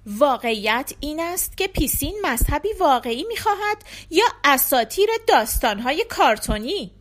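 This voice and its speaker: A woman's voice: high voice, animated, a bit bright. Woman playing a combative male priest. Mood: restrained.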